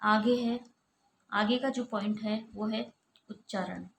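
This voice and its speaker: A woman's voice: medium pitch, fairly even intonation, slow, creaky. A woman who is an assistant professor, giving a recorded college lecture and going steadily through lists of examples. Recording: echoey room with faint ambient noise.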